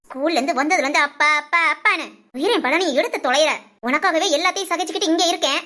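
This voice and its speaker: A bitter young mother who scolds and complains nonstop, played by a woman. Her voice is high and bright, and her nagging comes fast and cutting in a homespun short drama. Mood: complaining.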